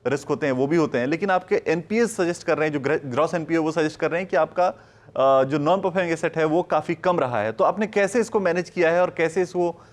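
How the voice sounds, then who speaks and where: A man's voice: fairly high pitch, quick pace. A man interviewing a company executive, asking long, polite questions that wind on before they end. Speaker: business news interviewer.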